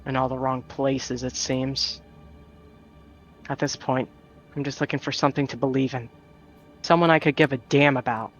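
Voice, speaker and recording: A man voicing a young, lonely, wary female vampire in a visual novel read-through, speaking in a quiet, subdued way. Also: mid-range voice, fairly even intonation, normal speed, pauses often, highs cut off, soft background music, close to an everyday voice. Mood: weary. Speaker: streamer voicing a character. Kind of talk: reading a visual novel aloud.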